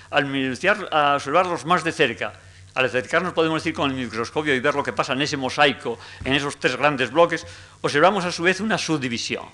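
A man with a Spanish accent giving a measured academic lecture, explaining step by step with frequent fillers. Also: fairly high pitch, bright, forceful tone. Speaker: lecturer on dialects.

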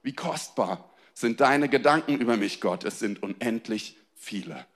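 Young male preacher, lively sermon delivery, drops low and soft then rises with excitement, speaks straight to the congregation. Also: a little slow. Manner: dynamic, swings between soft low emphasis and raised excited lines; addresses the congregation directly, calls for amen and applause. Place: church hall before a congregation.

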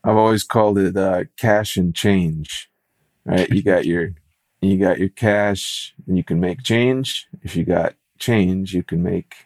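A man co-hosting a casual business chat, joking and halting with restarts. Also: low-pitched, darkish tone, no echo. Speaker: co-host.

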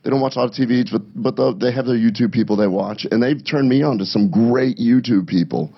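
A man's voice: medium pitch, brisk, breathy edge. A man co-hosting a casual podcast chat, telling stories and acting out quotes with energy. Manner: animated storyteller, acts out quotes. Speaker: podcast co-host. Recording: dull lo-fi sound.

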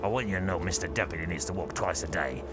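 An actor playing a blunt, anxious, crude cop with a melodramatic manner in a scripted comic audio drama. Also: male voice, sits low, quick pace, loud music behind the voice, natural voice. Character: gruff, anxious, crude male cop in comedy.

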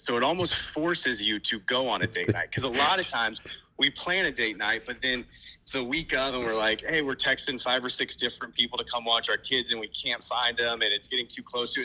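A man's voice: medium pitch, bright, forceful tone, low-quality recording. A man heard over a phone on speakerphone, chatting casually and agreeably as a podcast guest while out on a walk. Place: outdoors on a walk.

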